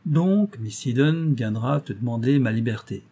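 A man's voice: mid-range voice, expressive, measured pace, warm tone, husky, lo-fi sound. A man voicing a gloating, cruel master criminal in an audiobook, taunting and menacing. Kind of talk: audiobook reading.

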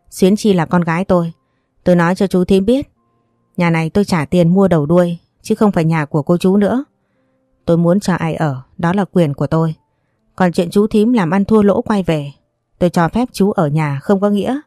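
A woman's voice: on the low side, brisk, dark tone, no room sound, studio quality, lightly acted. Woman reading as a stern older uncle. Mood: angry. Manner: firm, scolding. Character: stern older man, protective uncle figure.

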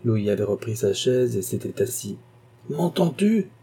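A man reading a classic novel aloud as narrator, with measured, even delivery. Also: lowish voice, husky. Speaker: audiobook narrator. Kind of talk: scripted narration.

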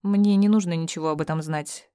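A woman narrating an audiobook in a measured, even reading. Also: low voice, clear, resonant tone, no room sound, clean studio sound. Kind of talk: scripted narration.

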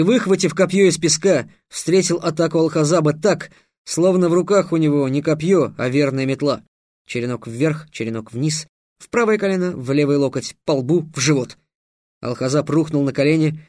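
Expressive male audiobook narrator. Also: a little high, moderate pace, no echo, clean studio sound. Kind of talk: scripted narration.

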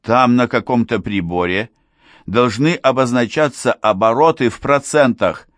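A man voicing a tough male mine rescuer who shouts angry orders, a bit higher and louder than his narration. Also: measured pace, no echo, clean studio sound, natural voice. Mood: commanding.

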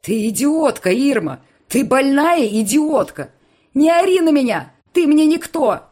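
A man reads a stern, hot-tempered security chief in a spoken story. The voice sits slightly high. He is clipped and commanding. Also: fairly even intonation, a little fast, mellow, close to an everyday voice. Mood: furious shouting. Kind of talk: audiobook character voice.

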